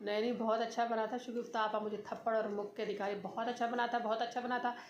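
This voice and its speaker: A tired Pakistani mother with a Pakistani Urdu accent chats and teases her viewers directly in a casual family vlog at home. Her slightly high voice is flat and fast. The recording has the highs cut off and comes from an echoey room with faint noise.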